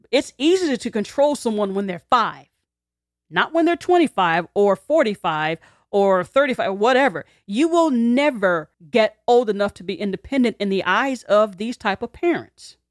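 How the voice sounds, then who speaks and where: A woman speaks in an explanatory, conversational way, like a teacher walking listeners through a list. Her pitch sits in the middle, and she lightens things with quick laughing asides and little acted-out quotes. The recording is close and dry, with no room echo. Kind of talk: explanatory talk to camera.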